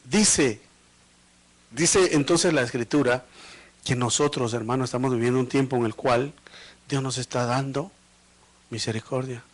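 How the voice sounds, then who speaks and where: A man preaching a sermon as pastor. He speaks to the congregation with rhetorical questions and swings between loud emphatic lines and low, quiet ones. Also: unhurried, pauses often. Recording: livestream of a live church service.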